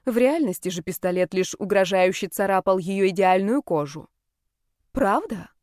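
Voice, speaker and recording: A woman reading a first-person audiobook with an even, expressive delivery. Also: mid-range voice, normal speed, no echo, studio quality. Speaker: audiobook narrator.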